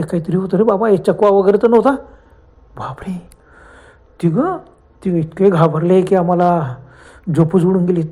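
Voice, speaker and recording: A man narrating a first-person ghost story in dramatic, exclamatory storytelling that drops to hushed tones at the tense moments. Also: sits high. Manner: dramatic, frequent gasped exclamations, acts out friends' fearful lines. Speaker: horror storyteller.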